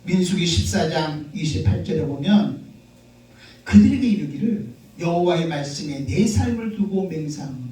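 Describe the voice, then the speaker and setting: A male pastor preaching a sermon with animated call-and-response delivery that rises into shouts. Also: fairly high pitch, moderate pace, heavy reverb, far from the mic, low-quality recording. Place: church sanctuary.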